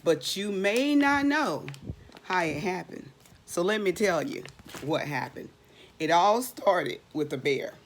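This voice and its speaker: A middle-aged woman, a teacher reading a storybook aloud to young children, speaks in a lowish, animated voice at a slow pace with a slight hiss or hum. She poses questions expressively and answers them, drawing out and repeating words for emphasis.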